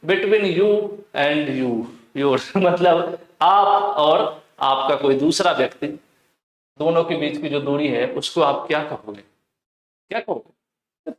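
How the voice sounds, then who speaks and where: A male teacher with a high voice works through exam questions, asking each question out loud and then answering it himself. He repeats his points and reads the English questions aloud. The room around him is roomy and echoey. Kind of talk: exam question bank lesson.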